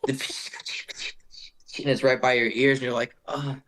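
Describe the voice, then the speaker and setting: A young man, a metal vocalist guesting on a podcast, telling stories in a casual, animated and profane way, saying "bro" constantly. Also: medium pitch, normal speed. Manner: animated profane storytelling, says "bro" a lot. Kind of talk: casual chat.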